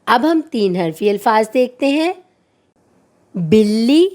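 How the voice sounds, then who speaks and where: A woman teacher giving a phonics lesson for young children, sounding out each word slowly and clearly so they can repeat after her. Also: on the high side, animated.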